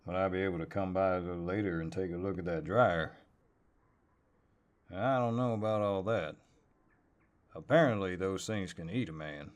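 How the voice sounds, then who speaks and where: A man plays a very deep-voiced Southern cowboy, drawling slowly in a folksy American Southern way. In this lightly acted, intimate audio roleplay, he's an easygoing neighbor who gently flirts and teases, warm and playful.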